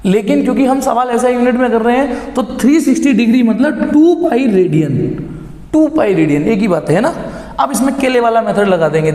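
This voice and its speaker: High-voiced man teaching physics, echoey room. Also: a little mellow. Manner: explains step by step, repeats key phrases, mixes Hindi with English terms. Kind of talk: blackboard lesson. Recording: echoey room with long reverb.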